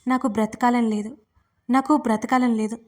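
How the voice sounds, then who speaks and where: A woman's voice: on the high side, steady tone, moderate pace, close to an everyday voice. A woman voicing a troubled young man, speaking in a choked, desperate way. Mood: despairing.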